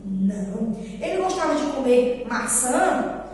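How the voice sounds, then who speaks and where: A woman's voice: on the high side, very animated, slow pace, darkish tone, recorded from a distance. A Brazilian woman teaching preschoolers in a coaxing, sing-song manner, asking questions and answering them herself. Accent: Brazilian Portuguese. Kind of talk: recorded remote lesson for young children. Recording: echoey room, voice from off-mic.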